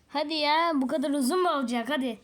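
A woman giving casual, chatty commentary while playing a game, exclaiming and laughing often. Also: high voice. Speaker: gaming channel host.

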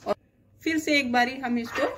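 A woman's voice: sits high, moderate pace, noisy background. Woman demonstrating a recipe in her kitchen. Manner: explains plainly while cooking, with frequent "dekhiye". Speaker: cooking channel host. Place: home kitchen, indoors.

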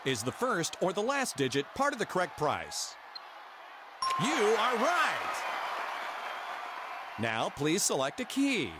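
A man's voice: fairly high pitch, huge pitch swings, normal speed, hardly any pauses. A man playing an emphatic game show host who guides a contestant with scripted instructions and exclamations. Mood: upbeat. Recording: clear background game noise.

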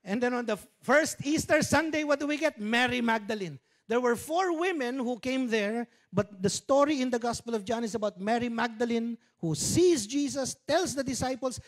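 With a very high-pitched, expressive voice at normal speed, a Filipino man in his fifties preaches as pastor on a church stage with dark curtains. His sermon is conversational, spoken into a handheld mic and peppered with joking Tagalog lines.

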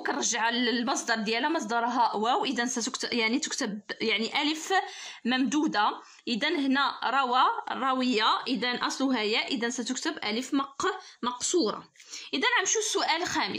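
A woman's voice: high voice, a bit bright. A woman teacher with a Moroccan Arabic accent who works through a grammar test for pupils, laying out each rule patiently and step by step. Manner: patient, explains rules step by step.

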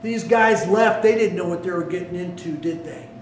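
A male pastor preaching a sermon, animated and swinging between loud calls and hushed asides, recorded in a church sanctuary. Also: high voice, moderate pace, slight background noise. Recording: echoey room, mic at a distance.

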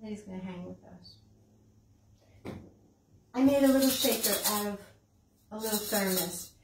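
Here a library storytime host, an older American woman, speaks in a mid-range voice at a moderate pace. She uses puppets, songs and read-aloud, asking young children simple, encouraging questions. The recording is roomy and hissy, captured from a distance.

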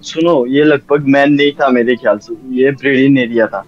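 A man's voice: mid-range voice, fairly even intonation, moderate pace, lo-fi sound, soft background music. A man with an Indian accent on voice chat, explaining plans and giving his teammates instructions during a game. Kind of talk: gameplay voice chat.

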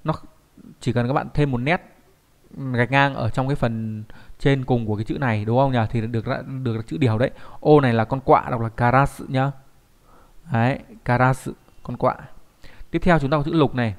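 Teaching kanji in an online lesson, a man with a mid-range voice talks a little fast. He explains while regularly checking in with the class through rhetorical questions.

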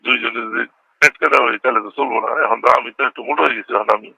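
This middle-aged Bangladeshi man, a local politician, talks very fast in a medium pitch with vocal fry, a sharp tone and a breathy edge. The dry recording captures a casual phone chat where he keeps repeating things and asking if the listener follows.

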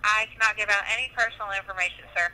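A woman's voice: medium pitch, steady tone, racing, sharp tone. A woman working at a restaurant, answering a customer call over a telephone line. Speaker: restaurant employee answering the phone. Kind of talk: customer phone conversation.

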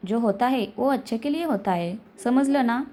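A woman's voice: a little high, moderate pace, warm tone, close to an everyday voice. Brief: woman storyteller voicing a cheerful teasing girlfriend, storybook reading. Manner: teasing, playful. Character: young woman, teasing cheerful best friend.

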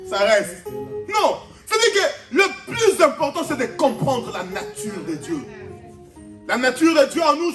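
High-voiced Congolese pastor preaching. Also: male voice, far from the mic. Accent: Congolese French. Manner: animated, shouting out, laughing asides. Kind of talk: preaching sermon. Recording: echoey hall, off-mic, music behind.

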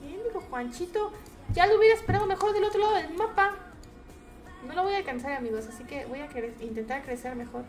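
A young woman with a Mexican accent giving chatty, casual commentary over her gameplay, now and then breaking into shrill, shrieking outbursts. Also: quick pace, faint music behind. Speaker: gaming streamer.

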